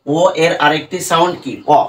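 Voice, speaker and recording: A man teaching English pronunciation to students, explaining rules slowly and repeating sounds syllable by syllable. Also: a little high, recorded from a distance, low-quality recording. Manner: slow and repetitive, breaking words into syllables.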